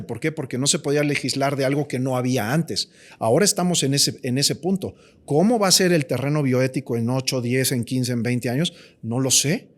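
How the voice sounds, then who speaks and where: A man with a Mexican Spanish accent, a physician talking as a guest in a podcast conversation, emphatic and often repeating words as he thinks. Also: mid-range voice.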